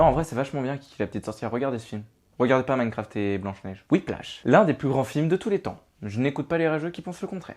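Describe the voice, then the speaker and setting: A young man giving a rapid-fire comic recap of films, with sarcastic, punchy one-liners. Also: mid-range voice, a little mellow. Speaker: film reviewer.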